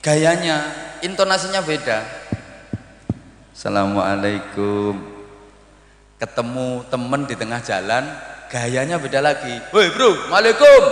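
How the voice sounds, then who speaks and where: East Javanese preacher in an echoing hall. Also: male voice, on the high side. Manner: lively, acts out greetings in varied voices, mixes in Javanese. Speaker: Islamic preacher. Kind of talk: humorous sermon to boarding-school students. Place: large hall at a boarding-school event. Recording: echoey hall with long reverb.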